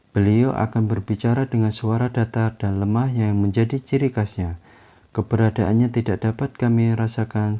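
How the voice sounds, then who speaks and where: A man reading a self-help book aloud in a steady, measured way. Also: fairly low pitch.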